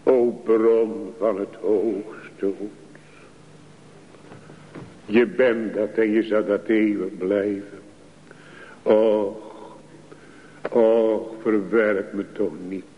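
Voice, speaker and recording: A man preaches a sermon, slow and pleading, with a low voice that now and then rises into fervent calls. The recording is dull and muffled, with long reverb trailing off the church walls. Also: fairly even intonation.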